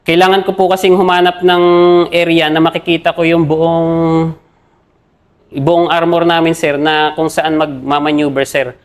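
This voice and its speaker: Casting: young Filipino military man, slightly high voice, halting and deferential, peppers every phrase with "sir". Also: flat delivery. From Philippines. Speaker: army captain, interview guest. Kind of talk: interview recounting combat.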